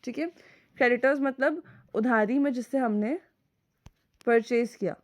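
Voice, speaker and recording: In a recorded accounting lecture, a woman teacher speaks unhurriedly in a slightly high voice. She breaks things down step by step, often asking whether her students are following, and her Hindi is sprinkled with English terms.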